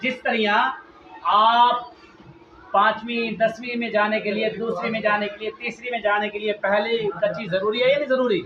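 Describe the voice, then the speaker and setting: A man teaching children to read the Quran, drilling them with repeated questions and loud emphasis, with a Pakistani Urdu accent. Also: high voice, steady tone, moderate pace. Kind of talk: classroom lesson to children. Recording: echoey, distant, muffled, noisy room.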